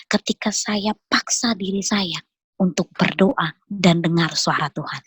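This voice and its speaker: A woman telling a personal faith testimony in a casual chat, earnest and animated, repeating phrases for emphasis. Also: fairly low pitch, measured pace, slightly rough, no echo, poor audio. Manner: earnest, animated storytelling with repetitions. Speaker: guest sharing testimony.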